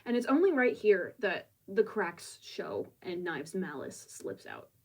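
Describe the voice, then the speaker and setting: A woman's voice: lowish voice, big pitch swings, measured pace, creaky, husky, distant mic, rough recording. A woman reviewing a manga, recapping scenes in a reflective, musing way with casual asides.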